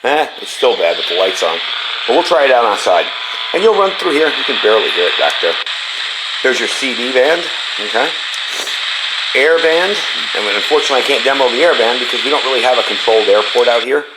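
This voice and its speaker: A gadget reviewer demonstrates a product in a casual, plain-spoken, hands-on review, explaining things conversationally. His mid-range voice is brisk with lively intonation, and the recording is noisy with radio static and background hiss.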